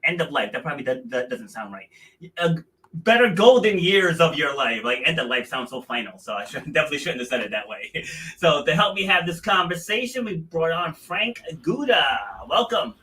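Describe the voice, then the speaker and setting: A man's voice: on the high side, big pitch swings, moderate pace, sharp tone. A man hosting a podcast, chatty and casual, often correcting himself and laughing at his own slips. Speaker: podcast host. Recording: distant from the mic.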